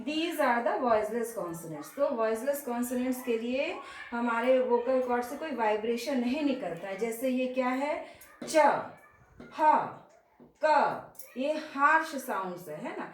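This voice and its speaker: A woman with an Indian English accent teaches pronunciation in a high voice, speaking slowly and drawing out each example word. She keeps asking her listeners rhetorical questions. The room around her echoes noticeably. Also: expressive, a little hiss or hum. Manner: patient, asks rhetorical questions, repeats example words slowly. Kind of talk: explanatory lesson mixing Hindi and English.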